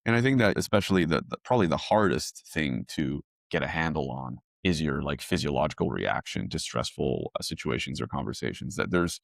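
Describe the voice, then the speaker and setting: A man's voice: extremely low pitch, lively intonation, fairly quick, vocal fry, few pauses, no echo, clean studio sound. A man co-hosting a conversational podcast, talking through his points step by step with plenty of fillers. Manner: talks through points in numbered steps, many fillers. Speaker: podcast co-host.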